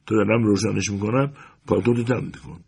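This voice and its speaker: A man's voice: fairly low pitch, steady tone, creaky, darkish tone, husky. A man reading the part of an awkward, hearty rancher husband in a story. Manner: fumbling, hearty.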